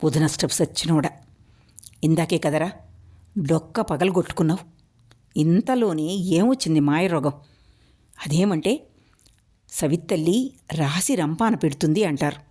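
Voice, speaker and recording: A woman reading a story aloud, voicing a sharp-tongued stepmother who complains and snaps. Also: low voice, expressive, unhurried, long pauses, breathy edge, heavily acted. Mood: scolding. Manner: complaining, snapping.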